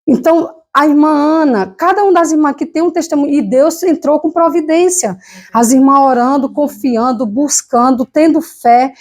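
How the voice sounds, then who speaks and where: A woman's voice: sits high, normal speed, a little mellow. A woman from Brazil with a Brazilian Portuguese accent, preaching a fervent, emotional sermon with personal testimony at a church service. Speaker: lay preacher.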